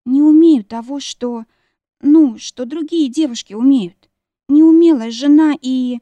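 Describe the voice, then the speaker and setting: A woman doing a shrill, indignant young bride. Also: measured pace, dry recording, muffled recording. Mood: tearful. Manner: loud, tearful outbursts. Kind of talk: audiobook character reading.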